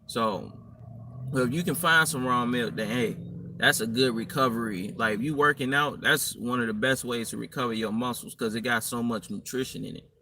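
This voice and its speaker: Blunt, profane man with a bright voice. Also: medium pitch, normal speed. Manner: blunt, profane, rambling slang. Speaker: dating and fitness vlogger. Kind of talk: casual advice monologue. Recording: distant mic with faint room noise.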